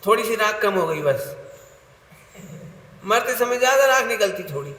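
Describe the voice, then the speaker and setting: Leading a workshop, a Jain preacher gives a playful sermon, laughing and calling on listeners by name to quiz them. His high, expressive voice sounds pushed and bright at a moderate pace, recorded in an echoey hall with faint noise.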